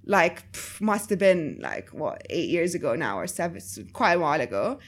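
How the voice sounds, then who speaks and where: An Egyptian woman who is a writer chats casually as an interview guest, speaking English with a slight Egyptian-influenced accent, full of fillers and easy laughs. Her fairly low voice is very animated at a normal speed.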